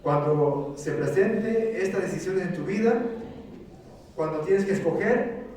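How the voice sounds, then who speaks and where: A man's voice: sits high, unhurried, darkish tone, slight background noise. A man preaching a sermon to his congregation, speaking fervently and asking them questions. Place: church sanctuary. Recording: very echoey church, mic at a distance.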